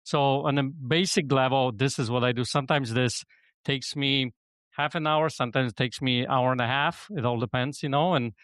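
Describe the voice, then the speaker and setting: A middle-aged man from Poland speaks in a relaxed, rambling way as a podcast guest, often checking in with "you know what I mean". His voice sits at an ordinary pitch for a man. The recording is close and dry, with no room sound. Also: moderate pace, dry recording. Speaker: podcast guest, business coach. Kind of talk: casual conversation.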